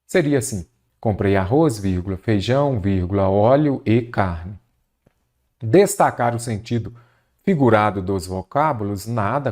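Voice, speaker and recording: A man's voice: lowish voice, dark tone. A Brazilian man teaching an exam-prep grammar lesson, explaining step by step and asking and answering his own questions. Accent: Brazilian Portuguese.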